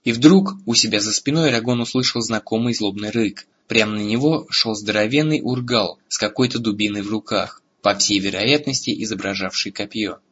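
A man reads a fantasy story aloud in a steady, even manner. His voice is low and husky. The recording is dull and lo-fi. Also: fairly quick, few pauses. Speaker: audiobook narrator. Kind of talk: scripted narration. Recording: lo-fi audiobook recording.

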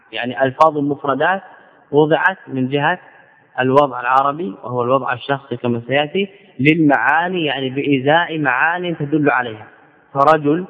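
A man teaching Arabic grammar in a lecture, repeating key phrases and asking himself questions before answering them. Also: medium pitch. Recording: tinny lo-fi lecture recording in a reverberant hall.

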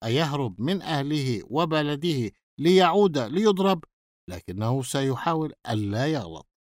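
A man narrating a novel as an audiobook in a measured storytelling manner, recorded on a close microphone. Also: on the high side, big pitch swings, no room sound.

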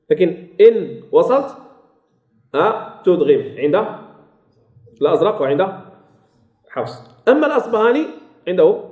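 A man's voice: high-pitched, darkish tone. A man with a Moroccan accent teaching the rules of Quran recitation in a classroom lesson. He repeats key phrases and quizzes his listeners as he goes. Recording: echoey room.

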